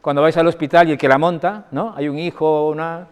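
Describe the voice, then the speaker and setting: A man with a fairly high voice gives a lecture as a doctor, speaking conversationally and weaving in anecdotes. He keeps checking in with his audience as he goes. His voice rings with the long reverb of a large parish hall. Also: fairly even intonation, brisk, clean tone. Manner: conversational, anecdotal, often asks the audience for agreement. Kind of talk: conference talk to an audience.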